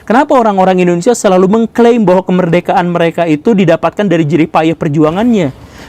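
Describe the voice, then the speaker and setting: A man's voice: high voice, quick pace, warm tone, no echo, lightly acted. A man voicing an indignant, boastful Japanese man who scolds and lectures with rhetorical questions. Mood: lecturing.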